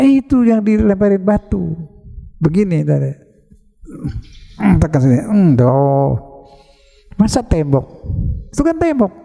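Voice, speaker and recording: An older man preaches in a mosque, casual in tone and quizzing his listeners. His voice sits high, with a mellow, dark color and a gravelly edge. A long reverb from the hall trails every phrase. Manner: colloquial, asks the congregation questions. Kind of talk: mosque sermon.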